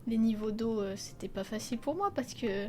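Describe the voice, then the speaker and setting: This let's player is a young woman whose voice is on the high side, animated, and at a normal speed. She keeps up casual, chatty game commentary, exclaiming often and swearing freely, over faint game music.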